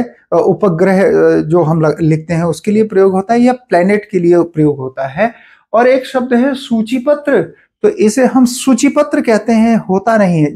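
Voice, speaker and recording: A man with an Uttarakhand Hindi accent teaches spelling in a fairly high voice with a warm, mellow tone. He talks in an explanatory way and slows down to repeat each word, setting the correct form against the wrong one. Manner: explanatory, repeats words slowly to contrast spellings. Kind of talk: exam-prep spelling lesson.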